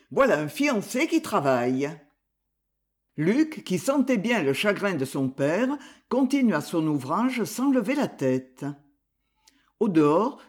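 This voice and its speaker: Slow, lively-voiced audiobook reader. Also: mid-range voice. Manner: measured, expressive reading with voiced dialogue. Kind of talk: scripted narration of a classic novel.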